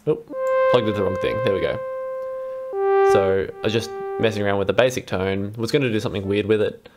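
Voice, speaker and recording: A young adult man, a vlog host and electronic musician, talks quickly in a fairly low, steady voice while demoing a music patch. He's relaxed and informal, sitting at a computer in a small indoor room with synthesizer music playing behind him.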